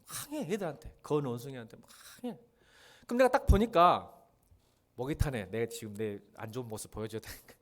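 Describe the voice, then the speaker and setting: A middle-aged pastor preaches a sermon, acting out quoted voices and swinging between loud emphasis and quiet asides. His medium-pitched voice is animated and brisk.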